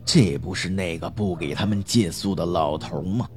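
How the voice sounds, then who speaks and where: A man narrating a spooky folk tale in a measured, dramatic way. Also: deep voice, a little hiss or hum. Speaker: storyteller.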